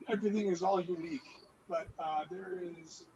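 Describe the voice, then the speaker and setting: A man's voice: high voice, a little slow, muffled recording, noisy background. A man in a casual video-call meeting, his audio breaking up and dropping out on the call as he speaks in a hesitant, informal way. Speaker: astronomy club member.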